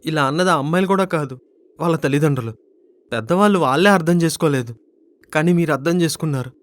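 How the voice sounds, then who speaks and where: An actor playing a shy, earnest young man in love, speaking softly and pleading. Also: a little high, fast, no echo, lightly acted. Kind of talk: romantic comedy web series acting.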